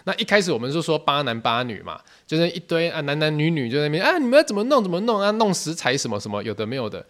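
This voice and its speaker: A young man with a Taiwanese Mandarin accent, hosting a podcast and telling a story in a lively, casual way, acting out other people's voices. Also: fairly high pitch, very fast. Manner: animated, quotes people in shifting voices. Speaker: podcast host.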